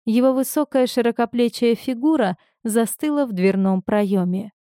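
A woman narrating a first-person story in an even, measured storytelling manner. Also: fairly high pitch, no echo, studio quality.

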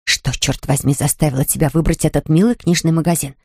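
A woman reading an audiobook, voicing a brisk, sharp-tongued cousin who speaks in a low, curt way. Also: steady tone, breathy edge, no room sound, clean studio sound. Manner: low curt hurried talk.

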